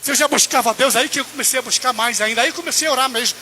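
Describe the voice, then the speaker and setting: A very high-pitched man from Brazil races through his church testimony. His sermon is impassioned and climbs to near-shouted peaks, over a faint hiss or hum.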